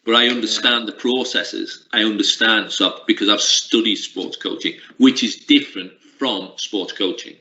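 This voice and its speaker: Answering interview questions with a pushed, bright voice of fairly low pitch, this middle-aged sports coaching lecturer speaks at normal speed with few pauses. He's reflective but keeps restarting and using fillers. The sound is lo-fi with a roomy quality.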